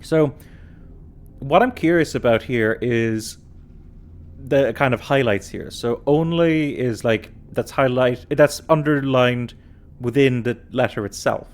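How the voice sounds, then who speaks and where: A man's voice: mid-range voice, unhurried, a little mellow. A tired man streaming a puzzle game in a casual, chatty way. He thinks aloud as he works through each clue, talking easily to his viewers. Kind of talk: casual let's-play commentary.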